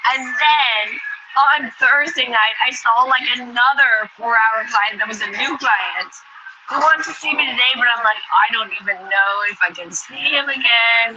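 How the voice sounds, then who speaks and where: A woman in her forties vlogging in casual chat, rambling and frank with lots of fillers. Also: a little high. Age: 40s. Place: Manhattan venue, charging phone. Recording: dull lo-fi sound with steady background noise.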